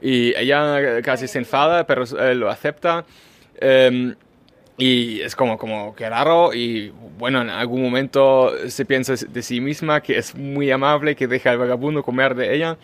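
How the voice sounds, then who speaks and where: A podcast co-host with a German accent chats casually at an ordinary pitch, thinking aloud, often pausing on fillers and restarting his sentences.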